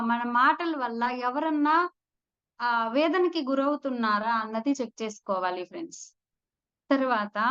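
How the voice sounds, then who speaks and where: A woman teaches spiritual lessons through old stories, chatting with listeners she calls friends. Her voice sits a little high. The recording sounds dull and muffled. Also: a bit bright. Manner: conversational, addresses listeners as friends. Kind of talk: storytelling spiritual talk.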